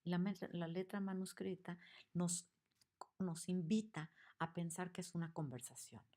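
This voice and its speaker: A woman teaching a lesson on picture books, expressive and asking her listeners questions. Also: fairly low pitch, a little slow. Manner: expressive, acts out the examples, asks the audience questions.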